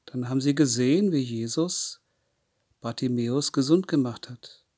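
A man's voice: mid-range voice, normal speed, dark tone, slightly rough, dry recording, clean studio sound. A man telling a Bible story to children, often stopping to ask them questions. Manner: asks the listening children questions.

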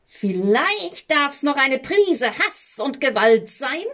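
A woman voicing Strife and War, a loud, shrieking and taunting pair in a storybook reading. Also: fairly high pitch, level tone, measured pace, close to an everyday voice.

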